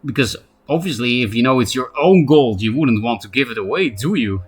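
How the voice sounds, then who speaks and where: During a live card-game stream, a Polish-accented man chats in a husky, mid-range voice with lively intonation. He answers viewers by name and keeps the talk casual with quick asides.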